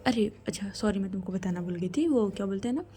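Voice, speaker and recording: A woman voicing a kind middle-aged mother who speaks gently and reassuringly. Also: mid-range voice, lively intonation, quick pace, slight background noise, natural voice. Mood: explaining.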